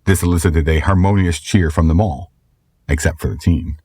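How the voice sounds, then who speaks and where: Deep husky guy narrating a story, steady audiobook read. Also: moderate pace, dry recording.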